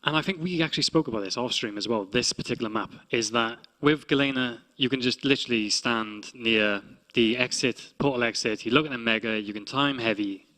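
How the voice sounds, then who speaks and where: A man with a Welsh accent co-casting an esports match in a calm, soothing, soft-spoken way. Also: mid-range voice, a little fast, few pauses. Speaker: esports co-caster. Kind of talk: esports commentary.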